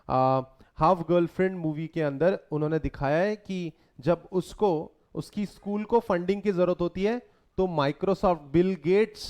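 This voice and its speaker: A male teacher gives a slow, deliberate lecture. His voice sits a little high for a man, and he keeps turning to his students with questions. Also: a little mellow, clear, resonant tone, muffled recording. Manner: conversational, quizzes students with questions. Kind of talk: lecture mixing Hindi and English.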